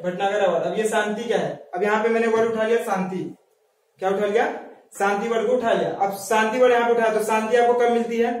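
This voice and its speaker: A man's voice: high voice, darkish tone. A man teaching memory tricks in a lecture, asking questions and answering them himself while repeating key words. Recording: very echoey room, far from the mic.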